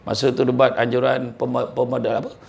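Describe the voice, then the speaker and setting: A man giving a live motivational talk, telling religious stories and anecdotes in an animated, colloquial and joking way. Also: mid-range voice, brisk, vocal fry. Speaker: motivational speaker.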